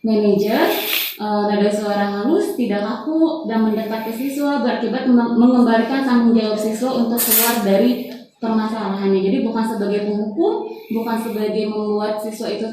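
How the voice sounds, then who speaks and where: A woman's voice: fairly high pitch, steady tone, brisk, noisy background. A woman teacher presenting a training module to fellow teachers, talking casually with many fillers. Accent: Indonesian. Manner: chatty, many fillers, frequent soft laughs. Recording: very echoey room, voice far off.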